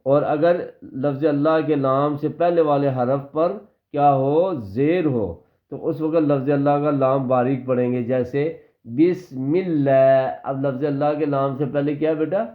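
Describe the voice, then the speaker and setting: Patient female recitation teacher, deep voice, heard over a tinny call line. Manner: patient, drills words, models slow recitation. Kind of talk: online tajweed lesson.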